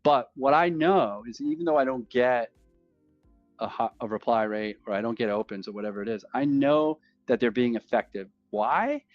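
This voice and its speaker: Energetic man talking sales, dry lo-fi sound. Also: medium pitch, moderate pace, dry recording, soft background music. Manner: energetic, repeats himself, acts out sales calls. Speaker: guest. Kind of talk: casual podcast conversation.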